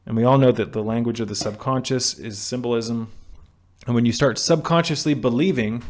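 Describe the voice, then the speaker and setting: A man's voice: mid-range voice, darkish tone. A young man talking straight to his camera about staying sober, blunt and preachy, with frequent restarts and the odd swear word. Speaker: vlogger on sobriety. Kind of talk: direct-to-camera self-help talk. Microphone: camera mic.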